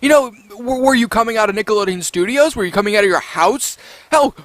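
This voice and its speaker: A man's voice: sits high, fast talker, a bit bright, dry recording. A man ranting as he reviews a creepypasta, rambling and stammering with exasperation. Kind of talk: ranting commentary.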